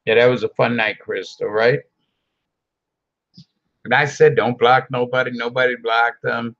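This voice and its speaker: A man's voice: mid-range voice, steady tone, measured pace, vocal fry, highs cut off. A man hosting a casual late-night live show over a video call, with easygoing, joking banter. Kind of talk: casual livestream chat.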